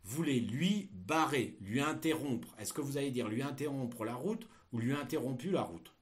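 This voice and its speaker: A male teacher dictating in drawn-out, emphatic phrases, explaining the grammar and posing questions as he goes. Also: mid-range voice, lively intonation, a little mellow. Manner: didactic, poses rhetorical questions. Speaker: French teacher giving an exam dictation.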